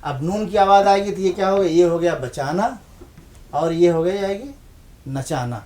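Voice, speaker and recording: A man's voice: sits high, mellow. A man teaching the Urdu script in a lesson, patiently asking questions and answering them himself, repeating points for emphasis. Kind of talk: televised language lesson.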